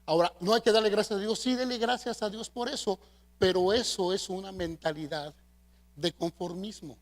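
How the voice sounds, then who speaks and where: A middle-aged Mexican pastor preaches in a high, bright voice. He calls on the congregation to repeat his words and shifts from forceful emphasis to hushed asides. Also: moderate pace. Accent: Mexican Spanish. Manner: preaching with call-and-response, asking the congregation to repeat after him; shifts between loud emphasis and soft asides. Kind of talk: sermon.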